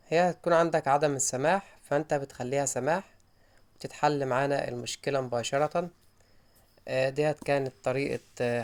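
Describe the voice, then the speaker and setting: A man's voice: medium pitch, smooth. A man with an Egyptian Arabic accent, narrating a step-by-step phone tutorial. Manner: quick instructional, guiding step by step. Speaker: tech tutorial host.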